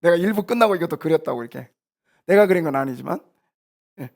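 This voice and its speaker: A male pastor delivers an animated sermon in a church. His voice is high and gravelly, and he drops to quiet asides before building to loud exhortations. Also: quick pace. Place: church sanctuary.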